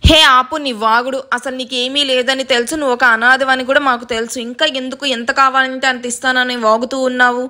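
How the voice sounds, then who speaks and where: A woman voicing rough male hired killers who talk in a gruff, threatening way. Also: high voice, flat delivery, a little fast, hardly any pauses, pushed and bright. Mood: menacing.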